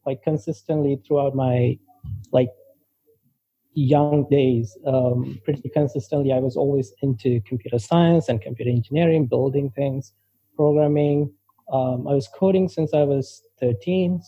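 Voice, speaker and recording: A man from Sri Lanka answers interview questions hesitantly, his talk full of ums and likes. His voice is very dark and gravelly, with a husky edge. The sound is dull and muffled, as if from a call. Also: medium pitch, no echo. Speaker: guest, crypto company co-founder.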